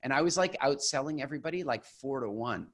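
A man's voice: medium pitch, brisk. Man telling his story in an interview. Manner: animated storyteller, acts out quoted voices, many restarts. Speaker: guest, business founder.

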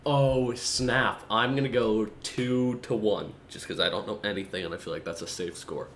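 Low-voiced guy hyping up his cohost, joking around on a video call podcast, faint hiss. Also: moderate pace. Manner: excitable, teasing, calls his co-host by name often. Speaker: podcast co-host. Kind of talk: casual chat.

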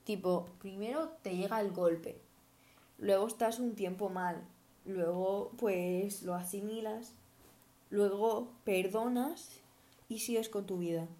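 A woman's voice: mid-range voice, fairly even intonation, takes it slowly, warm tone. Woman from talking through her feelings on a podcast, earnest and thoughtful, giving advice. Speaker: podcast host. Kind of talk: reflective personal monologue.

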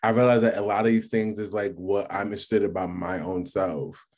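A young man, his voice sitting a little low. He talks in a relaxed, rambling way, with plenty of "like" and "um" and easy laughter, as a guest on a casual podcast. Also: fairly quick. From New York. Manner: relaxed, many fillers and "like", laughs often. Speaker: guest, graduate student. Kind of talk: casual chat.

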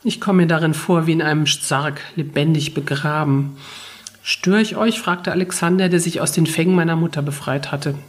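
A woman narrating a first-person novel as an audiobook, telling it in a calm, even way. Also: deep voice, brisk, hardly any pauses.

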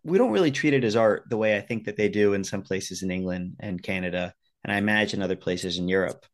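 A man's voice: fairly low pitch, fast. A man with an American accent hosting a podcast, chatty and joking, teasing his guests. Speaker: podcast host. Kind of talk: casual interview.

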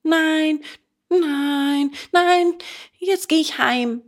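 A woman's voice: high-pitched, fairly even intonation, a little slow, voice pushed up. A woman voicing a naive wooden puppet boy in a storybook reading, pleading and protesting in a raised voice.

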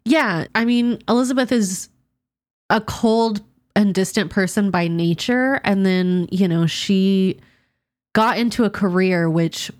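A woman's voice: mid-range voice, unhurried. A woman podcast co-host who reads a novel aloud and then chats, effusive and emotional, weepy and sneezy from allergies. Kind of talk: reading a novel aloud, then casual chat.

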